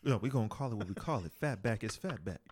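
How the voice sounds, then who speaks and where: A man appearing as a chef guest on a casual podcast, talking in a laid-back, joking way with a deliberate radio voice. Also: on the low side, animated, a little hiss or hum.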